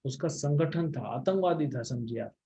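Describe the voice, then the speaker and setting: A man's voice: mid-range voice, lively intonation, normal speed, dark tone, a little hiss or hum. A man teaching a scripture lecture in a conversational way, often checking in with his listeners. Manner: conversational, checks in with rhetorical "hmm?". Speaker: spiritual teacher. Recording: dull lo-fi recording.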